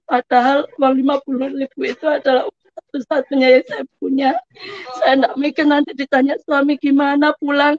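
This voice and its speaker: A woman's voice: high voice, no room sound. A woman with a Javanese accent giving a heartfelt personal testimony, acting out the conversations she had. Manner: heartfelt, mixes in Javanese phrases, acts out her own dialogue. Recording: dull lo-fi dry recording.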